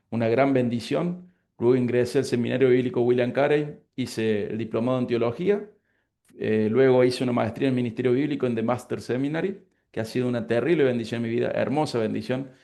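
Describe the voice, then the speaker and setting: Casting: Argentine man in his forties, pastor, gravelly voice, earnest and grateful. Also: mid-range voice, warm tone. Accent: Argentine Spanish (Córdoba). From Córdoba, Argentina. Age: 40s. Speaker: pastor and lecturer. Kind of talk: prayer and interview answers.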